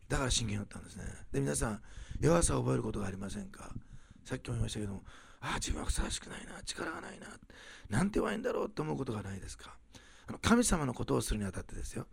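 A man preaching a sermon, rising loud on key phrases and dropping to soft, quiet asides. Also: medium pitch, creaky, slightly rough, no room sound. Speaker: pastor.

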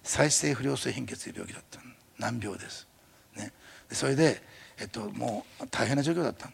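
A middle-aged man preaching a sermon, telling a story in a fast, animated way. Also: mid-range voice, gravelly, slightly rough. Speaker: pastor.

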